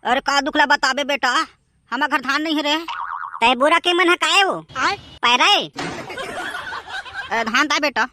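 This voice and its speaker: A woman's voice: high voice, a little slow, long pauses, sharp tone, soft background music. A woman putting on a stingy old village granny. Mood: complaining. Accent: Chhattisgarhi. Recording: noisy background hiss.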